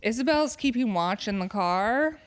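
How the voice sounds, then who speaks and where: A woman's voice: on the high side, animated, normal speed. A woman co-hosting a podcast, casually recapping a film in a chatty way, with lots of "like" fillers and frequent laughter. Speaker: podcast co-host.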